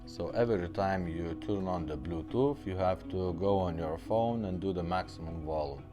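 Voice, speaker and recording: Over music, a man with a low voice at normal speed casually demonstrates a car stereo as host of a car radio repair show. He speaks plainly and matter-of-factly, often checking in with "okay?".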